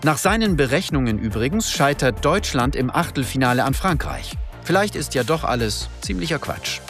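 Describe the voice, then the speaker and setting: A man's voice: medium pitch, lively intonation, moderate pace, fairly bright tone, faint music behind. A man reading a scripted news explainer as a reporter, with wry rhetorical asides.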